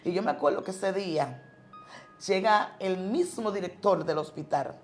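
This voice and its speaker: A woman's voice: on the low side, normal speed, soft background music. A woman pastor from the tells a personal religious testimony, an emotional storyteller who repeats and restarts words.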